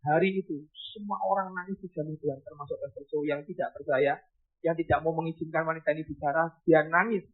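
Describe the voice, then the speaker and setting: A man preaching a sermon as pastor, telling a story with shouted bursts and hushed drops. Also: on the high side, quick pace. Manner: animated, shouting bursts then dropping to hushed. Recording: tinny phone-like sound.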